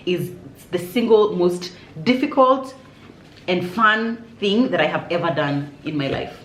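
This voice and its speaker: A woman with a lively, excitable voice that swings up and down a lot. She sits in an echoey room, with steady noise clearly heard behind her. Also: on the low side, unhurried. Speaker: guest influencer. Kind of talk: casual chat over food. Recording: roomy echo with clear background noise.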